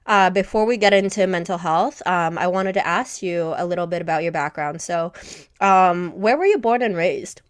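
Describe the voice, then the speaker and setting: A woman's voice: on the low side, moderate pace, clean tone, no room sound, clean studio sound. A woman hosting a podcast interview, a little sick, chatty and friendly with many fillers. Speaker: podcast host. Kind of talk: casual interview chat.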